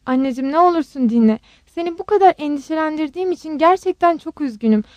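A woman's voice: high voice, lively intonation, quick pace, no room sound, voice pushed up. A woman voicing a young adult daughter who pleads and apologizes. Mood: pleading.

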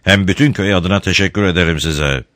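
A man voicing a burly, stubborn village priest in a storybook reading, his blustering speech close to his own deep narrating voice. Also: fast talker, a bit bright, dry recording. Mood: humble.

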